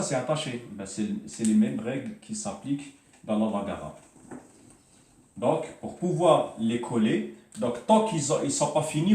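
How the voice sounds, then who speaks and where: A man giving an informal Arabic writing lesson, hesitating and repeating words as he spells out sounds slowly. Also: medium pitch, darkish tone, roomy sound, recorded from a distance. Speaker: Arabic teacher. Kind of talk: informal spoken lesson at a board.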